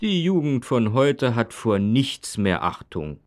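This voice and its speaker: A man's voice: medium pitch, big pitch swings, slow. Guy playing grumpy old dad in a lesson dialogue, grumbles about today. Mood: grumpy, stubborn. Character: grumpy old father nostalgic for the good old days. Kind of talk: scripted language-lesson dialogue.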